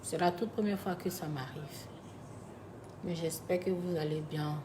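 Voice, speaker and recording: A woman's voice: low-pitched, fairly even intonation, a little slow, noisy background. A woman, chatting on a phone livestream to followers she calls her babies, turning sombre and reflective when she talks about loss. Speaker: live streamer talking to her followers. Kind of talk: casual live-stream chat.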